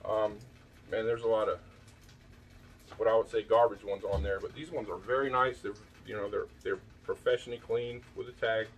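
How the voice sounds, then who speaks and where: A man's voice: on the low side, fairly even intonation, moderate pace, recorded from a distance. A man chatting casually as he shows his thrift finds, rambling with many fillers and restarts, outdoors on a back porch at night. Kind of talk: casual vlog show-and-tell.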